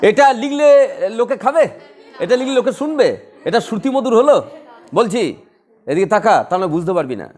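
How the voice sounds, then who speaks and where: A man's voice: sits high, big pitch swings, moderate pace, pauses often, a little mellow. A man teaching a class on poetic rhythm, who talks playfully, laughs often and acts out quarrels and recites verse. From West Bengal. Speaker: Bengali literature tutor.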